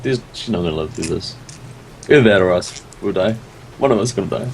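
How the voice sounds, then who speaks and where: A man's voice: low voice, animated, fast, gravelly, low-quality recording. A man chatting casually and jokingly as a player in a tabletop game. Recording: faint background noise.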